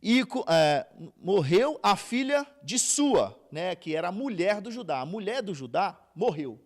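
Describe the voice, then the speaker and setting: A man's voice: sits high, big pitch swings, unhurried. A man teaching a casual Bible class, retelling scripture in plain, everyday words with frequent restarts and checks on his listeners.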